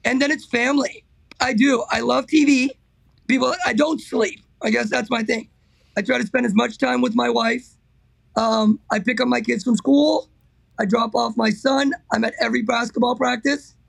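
A middle-aged man with a hoarse, raspy, strained voice, talking casually and emphatically as an interview guest. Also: very high voice, fairly even intonation, normal speed, no room sound, rough recording. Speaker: interview guest, car builder.

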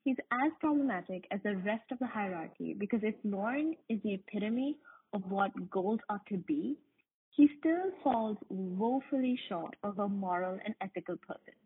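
A woman's voice: medium pitch, animated, moderate pace, husky. A woman from Canada leaving a voice message as a listener, reading a prepared, earnest argument. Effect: voice message played over a phone line. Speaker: listener caller. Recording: tinny phone voicemail.

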